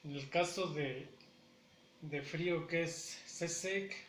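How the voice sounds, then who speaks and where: Slow, deliberate man teaching pronunciation. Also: on the high side, fairly bright tone. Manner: repeats words syllable by syllable, deliberate. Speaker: Nahuatl language teacher. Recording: echoey room with faint ambient noise.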